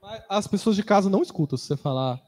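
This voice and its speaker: Mellow high-voiced Brazilian man in reverberant hall. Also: quick pace. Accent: Brazilian Portuguese. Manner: relaxed, conversational, personal anecdotes. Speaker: Bible class co-teacher. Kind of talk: casual Bible class talk.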